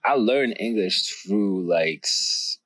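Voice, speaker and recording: A man's voice: on the low side, expressive, slow, a bit bright, husky, no echo. A French-born man, French as his first language, chatting casually as a guest comedian in a laid-back, giggly way and swearing freely. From France. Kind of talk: casual podcast chat.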